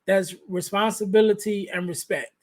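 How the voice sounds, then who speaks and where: Keeping a steady tone, a man with a light, high voice hosts a podcast conversation on a podcast microphone. He speaks softly and falteringly, restarting phrases and leaning on fillers as he thinks aloud in this interview.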